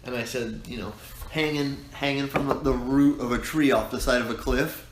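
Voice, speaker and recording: A man's voice: medium pitch, steady tone, moderate pace. A man, co-hosting a podcast, telling a long, rambling story in casual chat with many restarts. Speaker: podcast co-host. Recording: echoey room, faint noise.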